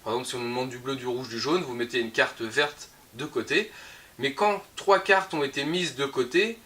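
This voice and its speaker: A man with a French accent presents new board games for the week in a casual shop video roundup, upbeat and chatty with frequent hesitations. He speaks at medium pitch and moderate pace in a bright, forceful tone, with a little hiss or hum in the background.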